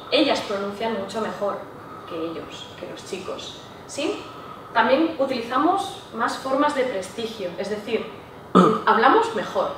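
A woman's voice: sits high, a little hiss or hum. Echoey, distant woman lecturing. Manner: checks in with listeners with frequent "¿sí?". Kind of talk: public talk to a live audience. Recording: echoey room, voice from far off.

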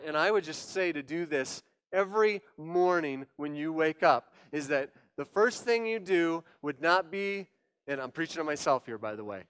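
A man preaching from the pulpit with a high, smooth, resonant voice. He is emphatic and urgent, dropping low and soft for asides, then rising loud and insistent. He often acts out quoted voices mid-sermon. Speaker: pastor. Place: church sanctuary.

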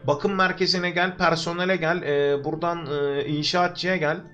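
A man's voice: fairly high pitch, steady tone, normal speed, fairly bright tone, muffled recording, faint music behind. A young man from Turkey livestreaming a game from his room, chatting with viewers and joking to himself as he plays. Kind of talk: live gameplay commentary. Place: home room. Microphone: desk microphone.

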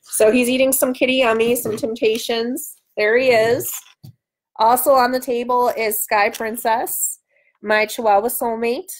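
Her voice is a little high, with fairly even intonation and a measured pace, on a rough recording. She's a woman in her thirties, an author hosting a livestream from a small room at home, chatting casually and playfully to a webcam at arm's length.

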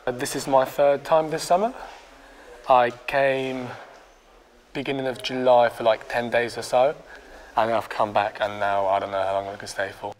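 A man's voice: mid-range voice, fairly even intonation, normal speed. A young man volunteer speaking earnestly in an interview in a large warehouse. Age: young adult.

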